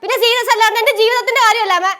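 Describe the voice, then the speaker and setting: An actress playing a brash, pushy young married daughter in a TV sitcom. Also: female voice, very high-pitched, steady tone, rapid-fire, bright, forceful tone. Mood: demanding. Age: young adult. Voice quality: pushy, sassy. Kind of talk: TV sitcom acting. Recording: TV sitcom with faint music.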